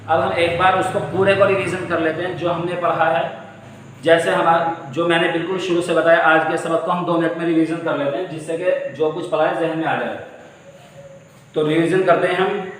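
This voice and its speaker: A man teaches a grammar lesson in a fairly high voice, heard from a distance across the room. His speech rings out in a strongly echoing space with a long tail of reverb. He explains patiently, going over each point again and asking his class questions. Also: level tone, normal speed, a little hiss or hum. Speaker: English teacher. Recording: echoey room from far off.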